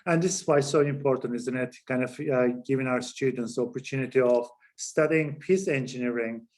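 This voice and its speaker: A man's voice: medium pitch, fairly quick, a little mellow. A man moderating a panel discussion over a video call, courteous and a little hesitant, with fillers.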